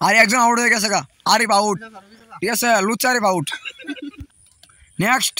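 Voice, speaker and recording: A man with a high, bright, piercing voice hosts a rowdy comedy vlog game. He bossily calls time on each player and sends them off. A faint hiss sits under his voice. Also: normal speed. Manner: bossy, keeps shouting at players to move on. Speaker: game host. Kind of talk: casual comedy vlog, running a no-laughing dance game.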